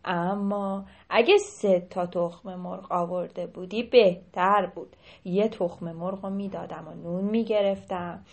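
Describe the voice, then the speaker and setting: A woman voicing a greedy, scheming young man in a children's story, loud and insistent when he argues. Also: medium pitch, pitched below the performer's own voice, close to an everyday voice.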